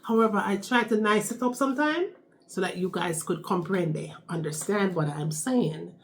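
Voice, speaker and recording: A young Jamaican woman with a Jamaican accent chats casually in a storytime vlog, her voice medium-pitched at a moderate pace. She repeats phrases and tags lines with "okay?".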